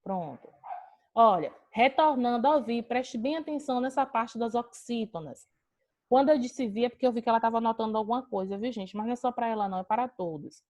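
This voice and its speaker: A Brazilian woman with a slightly high, slightly mellow voice teaches grammar online at a fairly quick pace. She patiently explains each rule, asking a question and then answering it herself. The audio has a video-call quality.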